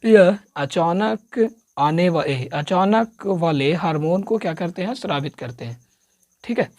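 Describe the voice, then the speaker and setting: With a high-sitting, darkish voice and lively intonation, a male coaching teacher leads an exam-prep science lesson at a measured pace. He repeatedly questions the listener and drills the answers, in studio-quality audio with no room sound.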